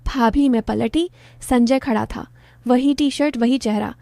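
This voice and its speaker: A woman tells a first-person story in a soft, low-key voice. Her pitch sits fairly high, but her tone is mellow and warm. The recording is close and dry, with no room sound. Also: a little slow, vocal fry, no room sound.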